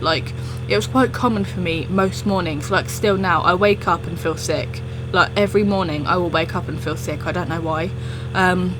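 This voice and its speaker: In a roughly recorded clip, a storytelling video creator with a fairly low voice chats casually about something that happened to her. She's a young woman who rambles and keeps interrupting herself.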